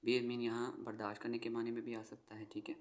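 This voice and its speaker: A man's voice: medium pitch, completely flat delivery, fast talker. A male teacher giving a phonics lesson, spelling words out letter by letter and patiently repeating each word twice. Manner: frequent "theek hai" check-ins to the viewer. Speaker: English teacher.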